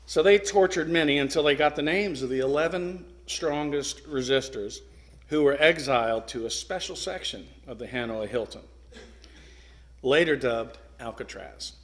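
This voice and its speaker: A middle-aged man giving an earnest, emphatic speech to a club, pausing for effect and sometimes restarting his sentences. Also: a little high, expressive. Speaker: guest speaker.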